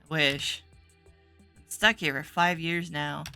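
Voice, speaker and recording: A woman voicing a sullen teenage girl novice who speaks flatly. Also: low-pitched, takes it slowly, gravelly, faint music behind, exaggerated voice. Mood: sulky. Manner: sullen and flat.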